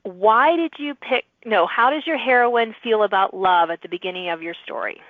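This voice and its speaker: A woman with a mid-range voice, speaking at normal speed, hosts a podcast and interviews authors about their books in a conversational way. There's no echo, but the audio is muffled and narrow-band, like a radio or phone call.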